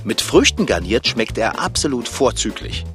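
Ein Mann spielt in einem komischen Hörspiel einen jungen Mann, der am Rechner nascht und neckend, selbstgefällig redet. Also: male voice, mid-range voice, sing-song, normal speed, fairly bright tone, faint music behind. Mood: smug. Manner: teasing, smug. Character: teasing young man snacking at his computer. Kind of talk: comic audio play.

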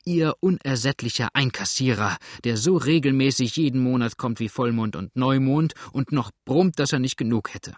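A male reader voicing an indignant, chattering old widow with a shrill, scolding voice. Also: moderate pace, hardly any pauses, dry recording, clean studio sound, close to an everyday voice.

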